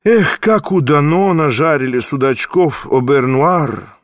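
A man voicing an effusive, sentimental former card sharp, raised and excited in tone. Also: on the high side, a little slow, no echo, clean studio sound. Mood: effusive nostalgic.

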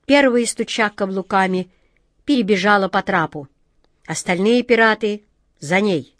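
A woman narrating a fairy tale in an expressive storybook reading. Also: medium pitch, unhurried, dry recording. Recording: dry close recording.

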